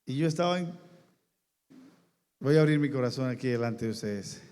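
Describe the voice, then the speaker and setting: A man's voice: medium pitch, animated, normal speed, a little mellow, smooth. A man preaching a sermon as pastor, emphatic, calling out to his congregation and asking them questions. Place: church. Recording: long church hall reverb.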